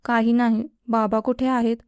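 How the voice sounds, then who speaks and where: A woman's voice: fairly high pitch, level tone, moderate pace, darkish tone, clear, resonant tone, no echo, studio quality, natural voice. A woman playing a bossy, stubborn college girl. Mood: insistent. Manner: insistent, scolding.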